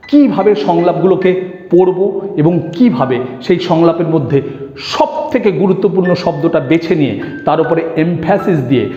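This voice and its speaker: A man with a high, mellow voice teaches acting online, taking his time to explain and acting out short lines of dialogue. The recording is a little muffled, with a roomy echo and a long reverb tail. Faint music plays underneath. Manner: explains slowly, addresses viewers as friend, demonstrates dialogue readings. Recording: echoey room, slightly dull sound, faint music.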